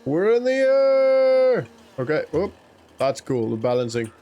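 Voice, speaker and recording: This gaming YouTuber, a man whose first language is Afrikaans, gives casual let's-play commentary on a farming game, rambling to himself and chuckling. His voice sits high and has a dark tone, and he is very animated yet unhurried.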